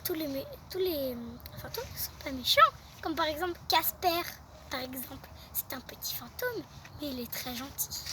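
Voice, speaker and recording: A young woman reading a children's bedtime story aloud, with a lively read-aloud manner. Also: sits high, normal speed, distant mic, noisy background.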